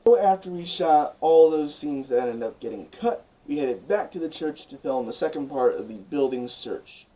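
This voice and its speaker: A man recounting a story for his vlog with lively, swooping intonation and a chatty, animated delivery. His voice sits somewhat high but has a mellow, dark tone. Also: normal speed, low-quality recording. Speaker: vlogger.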